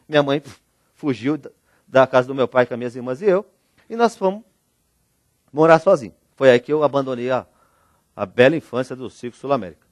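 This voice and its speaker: A middle-aged man from Brazil tells stories from his own life to a live audience, teasing them and asking them questions. His voice sits a bit high and the sound is dry and close, with no room echo. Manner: animated, jokey, addresses audience directly. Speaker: motivational speaker. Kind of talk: storytelling keynote talk.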